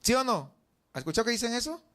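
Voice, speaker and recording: A man with a high-pitched voice and a Mexican Spanish accent delivers a sermon in a church. He keeps asking his congregation rhetorical questions. He acts out their doubts in a raised voice. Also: big pitch swings, quick pace, a bit bright. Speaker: pastor.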